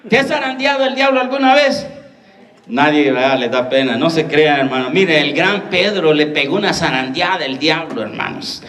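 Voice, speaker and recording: Pastor, male, high voice, preaching sermon, roomy distant church mic. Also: animated, moderate pace, a bit bright. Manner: preaching with rhetorical questions to the congregation.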